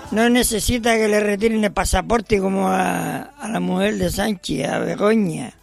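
A man's voice: sits high, moderate pace, gravelly, faint music behind. A man hosting a local radio show in a chatty, rambling way, with joking asides. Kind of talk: casual radio chat.

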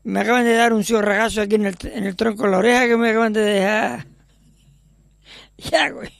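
A man's voice: sits high, fairly even intonation, fairly quick, creaky, fairly bright tone, no room sound, studio quality. A man hosting a local radio show in a chatty, rambling way, with joking asides. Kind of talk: casual radio chat.

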